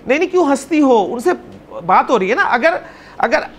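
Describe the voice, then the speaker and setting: A man teaching an Arabic grammar class, explaining patiently, calling on students by name and repeating words slowly. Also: extremely high pitch, very animated, fairly bright tone, slight background noise.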